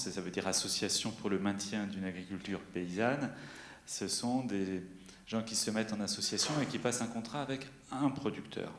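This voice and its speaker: Man, fairly low pitch, halting explanatory delivery, pauses mid-sentence, reverberant room. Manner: hesitant, pausing mid-sentence. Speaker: panel speaker, consumer association member. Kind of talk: explaining at a public discussion. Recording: echoey room.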